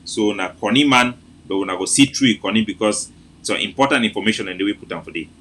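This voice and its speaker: A Cameroonian man hosting an informal political briefing in Pidgin English, repeating himself in an animated, mocking manner. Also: lowish voice, fast, slight background noise. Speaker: host.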